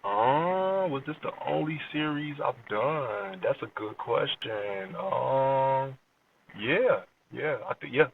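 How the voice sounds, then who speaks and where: Slow and expressive, with vocal fry in his mid-range voice, a Chicago-born rap artist in his late twenties chats casually on a podcast, using slang and regularly checking the listener follows. The lo-fi recording is dull with a little hiss or hum, and he sits distant from the mic.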